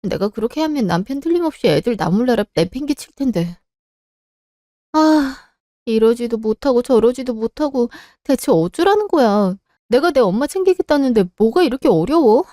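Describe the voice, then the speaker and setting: Radio drama lead: a woman as an anxious, pleading wife, mellow voice, dry sound. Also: a little high, lively intonation, normal speed, dry recording, close to an everyday voice. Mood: frustrated. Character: worried married daughter, young mother.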